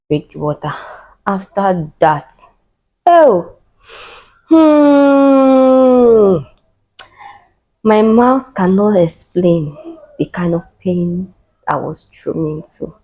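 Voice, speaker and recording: On a podcast, a young adult woman host recounts a personal story with dramatic expressiveness, crying out, sighing and repeating things for emphasis. Her pitch is fairly low, and the recording is rough.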